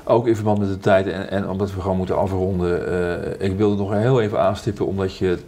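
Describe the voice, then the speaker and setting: A man interviewing in an oral history, who asks halting questions and agrees often. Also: low voice, steady tone, mellow.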